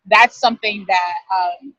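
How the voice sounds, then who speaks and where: A woman's voice: medium pitch, measured pace, sharp tone, dry recording, dull audio. A woman in her thirties talking as an interview guest, chatty and thoughtful, often correcting herself mid-sentence. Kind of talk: casual interview talk.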